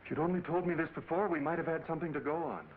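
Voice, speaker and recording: An actor playing an earnest, cautioning lawyer in 1940s film style. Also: male voice, fairly high pitch, racing, lightly acted. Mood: reasoning, firm. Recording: tinny, hissy old film soundtrack.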